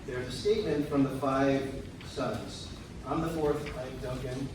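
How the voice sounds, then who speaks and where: A man delivering a prepared eulogy in a tender, measured way, with deliberate pauses. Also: medium pitch, steady tone. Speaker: son giving a eulogy. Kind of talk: prepared memorial speech. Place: large room at a memorial service. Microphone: picked up from a distance. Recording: very echoey, distant, noisy hall.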